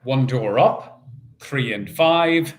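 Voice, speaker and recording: Calling bingo numbers in an animated, mid-range voice, this man uses set phrases and says every number twice. His rhythm is measured and sing-song.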